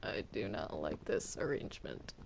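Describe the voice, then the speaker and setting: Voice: low voice, sing-song, moderate pace, creaky, a little hiss or hum, exaggerated voice. A performer voicing Bendy's hesitant, put-upon cartoon ink demon in an improvised game roleplay, stammering and complaining. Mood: sulky, meek.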